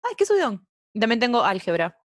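A woman's voice: on the high side, sing-song, a little fast, no echo. A young woman co-hosting a casual podcast chat, giggly and gushing, with English words slipped in. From Peru. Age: young adult. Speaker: podcast co-host.

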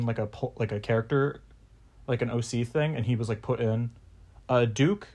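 A man's voice: mid-range voice, a little mellow. A young man hosting a casual podcast, rambling with lots of fillers and offhand swearing. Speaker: podcast host.

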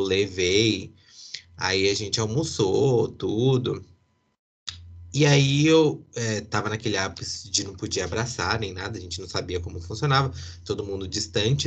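A man's voice: fairly low pitch, husky. A young man, casually telling a personal story with lots of fillers and asides. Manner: chatty, many fillers and asides, occasional laughs.

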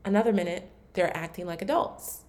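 Candid woman podcast host, lowish voice. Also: a little fast, a little mellow. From Maryland, USA. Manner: candid and reflective, with frequent "like" fillers and restarts. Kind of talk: casual solo podcast talk.

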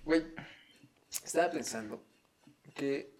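A man's voice: mid-range voice, slow, darkish tone. A man with a Mexican accent co-hosting a podcast, in crude, slang-heavy casual banter, laughing often. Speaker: podcast co-host. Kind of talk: casual chat.

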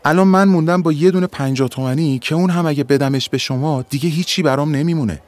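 A man's voice: a little high, darkish tone, pitched above the performer's own voice, natural voice. A man voicing a troubled young man who argues insistently and defensively.

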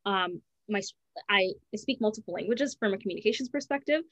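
Animated and fairly bright in tone, this medium-pitched woman is a student advisor being interviewed, with no room sound on the recording. Her answers are earnest, conversational and fast, and she keeps restarting and correcting herself.

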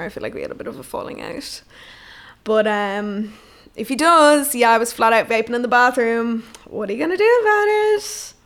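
A woman's voice: medium pitch, a bit bright. A woman hosting a casual solo podcast, rambling and swearing freely, with lots of "like". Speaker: podcast host.

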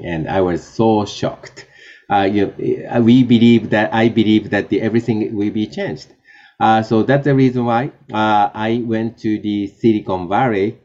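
A man from Japan, a Japanese native speaker, answering interview questions in halting English with many fillers and restarts. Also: fairly low pitch, a little mellow. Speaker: guest, tech executive. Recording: dull lo-fi sound.

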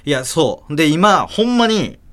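A man with a Kansai accent, hosting a podcast and telling a story in a casual, animated way, acting out voices and laughing often. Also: a little high, unhurried. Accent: Kansai Japanese. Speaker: podcast host.

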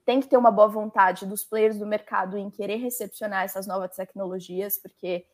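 A young adult woman with a Brazilian Portuguese accent, a guest talking in a lively, chatty way with many fillers in an interview. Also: medium pitch, a little fast. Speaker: legal coordinator, guest. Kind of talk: conversational interview.

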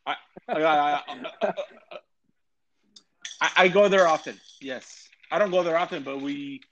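A man's voice: on the high side, a little slow, a bit bright, lo-fi sound, a little hiss or hum. Profane stammering man. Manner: profane, stammering, repeats words. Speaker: podcast guest. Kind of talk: casual chat.

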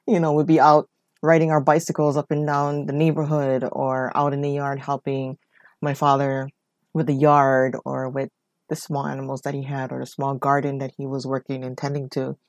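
In a studio-quality recording with no echo, a woman in her 40s from Hawaii rambles conversationally through her life story as a podcast host, peppering it with "you know" and "whatnot." Her very deep voice is a little mellow, delivered flatly at a moderate pace.

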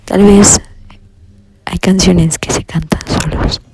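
A woman on a podcast who speaks slowly and solemnly in a philosophical, musing way. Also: on the low side, fairly even intonation, noisy background. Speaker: podcast co-host. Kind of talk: reflective musing.

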